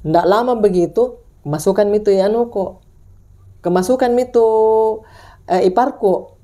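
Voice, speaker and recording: A woman's voice: moderate pace, warm tone. A woman telling a ghost story in casual chat, rambling with restarts and acting out the people in it. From Indonesia. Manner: rambling, full of restarts, acts out voices in high pitch.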